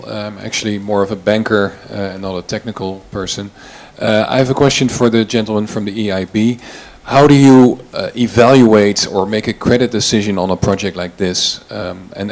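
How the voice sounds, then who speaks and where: A man who works as a banker, politely asking a conference panel a question, somewhat halting. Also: on the low side, fairly even intonation.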